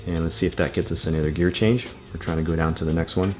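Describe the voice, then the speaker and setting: A man's voice: sits low, fairly even intonation, fast talker, a little mellow, soft background music. A man giving a patient, methodical bike repair tutorial, talking through each step as he works. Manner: patient, methodical, repeats steps.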